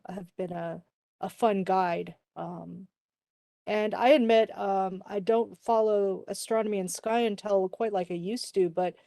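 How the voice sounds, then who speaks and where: A woman's voice: medium pitch, warm tone, no room sound. A woman hosting a virtual club meeting, friendly and chatty, talking over a video call. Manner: friendly, chatty, says y'all.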